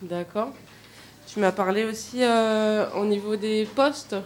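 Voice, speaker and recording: A woman hosting a radio discussion in a studio, pausing often with filler sounds as she leads the talk. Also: mid-range voice, steady tone, a little mellow, slight background noise. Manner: hesitant, with frequent "euh" fillers. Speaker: radio host.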